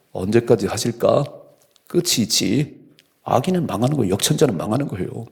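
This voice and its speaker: A man's voice: fairly low pitch, gravelly, darkish tone. A male pastor giving an early-morning sermon, reading scripture aloud and preaching in a conversational way full of rhetorical questions. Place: church.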